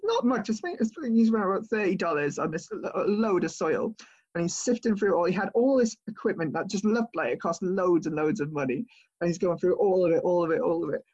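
A man's voice: high voice, lively intonation, a little fast, a little mellow, breathy edge, muffled recording. A male comedian chatting casually over a video call, rambling with frequent laughs and restarts. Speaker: comedian guest. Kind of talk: casual chat.

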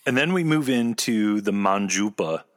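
A man's voice: fairly low pitch, lively intonation, normal speed. A man co-hosting a casual pop-culture discussion in a conversational style. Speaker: podcast co-host.

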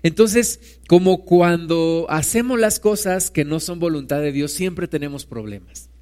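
A man's voice: on the high side, measured pace, a little mellow. A man preaching a sermon, reading Bible verses and explaining them in a conversational way, often asking his listeners "right?".

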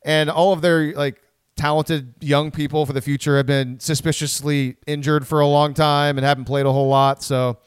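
Man, casual sports podcast host, smooth voice, rambling delivery. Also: a little high, little pitch movement, normal speed, no room sound, studio quality. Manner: rambling, with frequent restarts and laughs.

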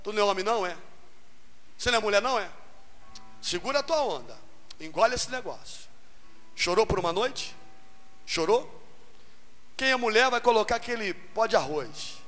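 High, bright-voiced Brazilian preacher. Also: male voice, normal speed, long pauses, big-room sound, soft background music. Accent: Brazilian Portuguese. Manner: animated, calls out to the congregation for amens. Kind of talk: sermon.

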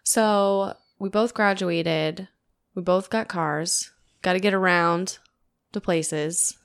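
A woman's voice: fairly low pitch, takes it slowly, clean tone. Chatty young woman hosting a podcast. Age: 20s. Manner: chatty and animated, with frequent "like" fillers. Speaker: podcast host. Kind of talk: casual conversational podcast.

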